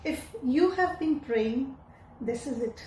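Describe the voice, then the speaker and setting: A woman speaks in a fairly high, heartfelt voice. The room echoes around her, and faint ambience sits underneath. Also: expressive, slow pace, dark tone, a little hiss or hum. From India. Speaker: educator. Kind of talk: personal testimonial.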